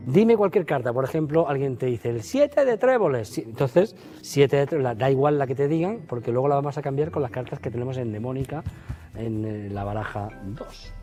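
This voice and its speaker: A man's voice: brisk, faint music behind. Man teaching a card trick. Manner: lively, acts out his patter in higher voices. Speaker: magician teaching a card routine. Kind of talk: casual spoken magic lesson.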